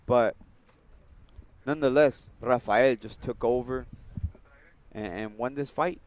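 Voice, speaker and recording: A man's voice: medium pitch, takes it slowly, slight background noise. A man commentating on boxing in a casual, unscripted way, often repeating and rephrasing his points. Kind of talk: casual unscripted fight analysis.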